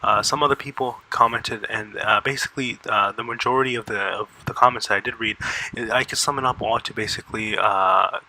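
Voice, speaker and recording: A man rambling through casual commentary at a close mic, halting with many fillers and restarts. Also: lowish voice, fairly even intonation, bright, forceful tone, low-quality recording. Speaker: YouTuber. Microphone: close desk mic.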